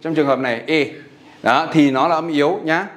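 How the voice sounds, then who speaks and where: A man's voice: fairly high pitch, brisk, a bit bright. A male teacher from Vietnam leading an English vocabulary drill, coaxing students to repeat each word after him.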